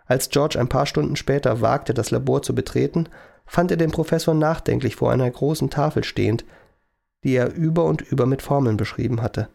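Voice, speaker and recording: A man reading a story aloud in a calm, even narration. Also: mid-range voice, a little fast, gravelly. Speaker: audiobook narrator.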